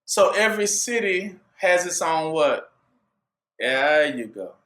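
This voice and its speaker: A man's voice: a little high, big pitch swings, slow pace, a bit bright, roomy sound. A man preaching a sermon, drawing his listeners in with rhetorical questions he leaves for them to finish. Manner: call-and-response rhetorical questions.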